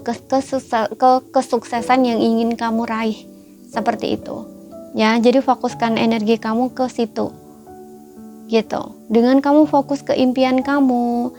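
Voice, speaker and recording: A woman giving a tarot reading in a gentle, repetitive, coaxing way, full of fillers. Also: on the high side, gravelly. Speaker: tarot reader. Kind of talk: casual spoken tarot reading.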